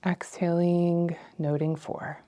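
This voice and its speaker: Female meditation guide, slightly low register, slow breath counting in short, measured phrases with pauses. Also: flat delivery, mellow.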